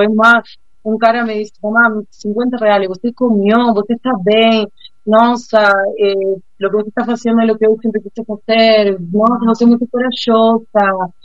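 A woman telling a personal story in a casual, expressive way, acting out the people she quotes. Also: on the high side, normal speed, no echo. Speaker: guest telling of a bicycle trip. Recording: muffled lo-fi dry sound.

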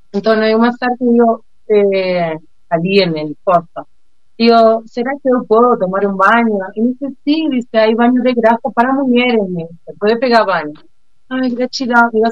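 A woman telling a personal story in a casual, expressive way, acting out the people she quotes. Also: on the high side, dry recording. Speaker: guest telling of a bicycle trip. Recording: muffled lo-fi dry sound.

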